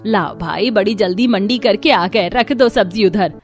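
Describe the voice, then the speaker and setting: A woman voicing a bossy, sharp-tongued mother-in-law in a cartoon family story, scolding and dramatic. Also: mid-range voice, normal speed, soft background music, natural voice. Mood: irritated. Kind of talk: cartoon voice acting.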